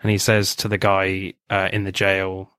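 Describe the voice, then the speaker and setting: Relaxed low-voiced man chatting about films. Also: normal speed, clean tone, no echo, clean studio sound. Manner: relaxed, laughs often, many fillers. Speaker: film review podcast co-host. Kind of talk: casual chat.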